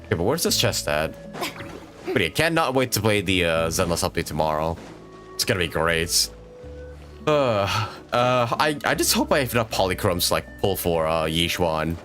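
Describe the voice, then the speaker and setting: Livestreaming a video game, a man with a low, slightly bright voice chats casually at a moderate pace, very animated yet hesitant and rambling as he thinks aloud. Game music runs in the background.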